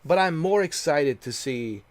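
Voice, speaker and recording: A gaming streamer, born in Bosnia and raised in America, chats casually and rambles as he plays, using many fillers and repeated words. His voice is fairly high and expressive, a little slow, with no room sound.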